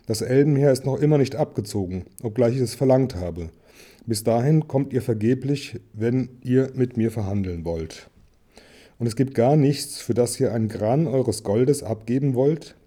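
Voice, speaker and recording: A man reading aloud and voicing a proud, furious male dwarf king who shouts with contempt. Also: mid-range voice, moderate pace, close to an everyday voice. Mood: angry.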